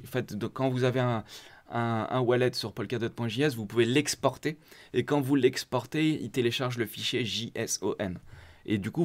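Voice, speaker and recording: Male host, mid-pitched voice, relaxed and chatty, guides viewers click by click through a tutorial. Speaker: host of a crypto community channel. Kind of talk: casual screen-share tutorial.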